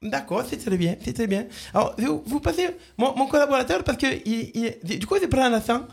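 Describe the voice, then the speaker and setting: A radio host doing a prank call, voicing a bumbling corporate communications manager who stammers and repeats himself. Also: male voice, extremely high pitch, animated, brisk, vocal fry, husky, full character voice. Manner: stammering, hesitant, repeats words.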